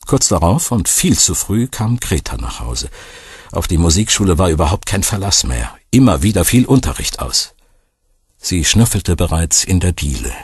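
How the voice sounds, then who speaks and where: A man reads a thriller audiobook in a very deep, husky voice. His delivery is wry and expressive, with a lively rise and fall. The sound is dry and close to the microphone. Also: normal speed, no room sound. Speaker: audiobook narrator. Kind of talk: scripted narration.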